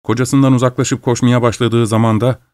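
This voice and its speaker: A man voicing a sleepwalking young woman who cries out in shrill, taunting tones. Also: little pitch movement, fairly quick, a little mellow, no room sound, studio quality, natural voice.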